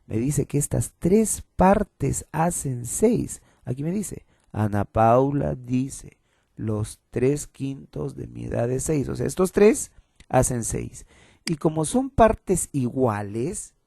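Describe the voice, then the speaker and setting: A man's voice: mid-range voice, animated, takes it slowly, gravelly, warm tone, slightly rough, dry recording. A man explaining fraction word problems step by step as a math teacher, patiently repeating the key rules.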